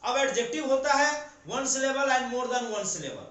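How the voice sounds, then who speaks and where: Man, very high voice, grammar teacher, asks and answers himself, heavy room echo. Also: expressive, slow, a bit bright. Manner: explains step by step with questions he answers himself. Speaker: English teacher. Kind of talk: classroom grammar lesson. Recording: very echoey room.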